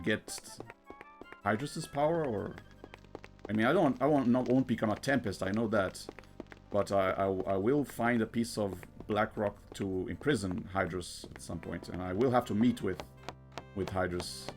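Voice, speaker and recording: Male gamer for a casual playthrough, lowish gravelly voice, halting and thinking aloud, clear game music underneath. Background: video game music.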